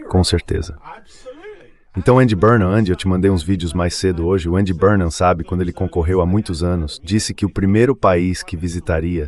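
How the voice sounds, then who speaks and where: This is an AI-generated male dub voice, synthetic text-to-speech, translating a political interview in a conversational manner. It sits low and sounds a little mellow.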